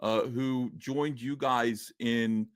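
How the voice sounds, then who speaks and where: A man's voice: medium pitch, fairly even intonation, drawn-out words, no room sound, clean studio sound. A man in a heated recorded call, defensively trying to get his word in.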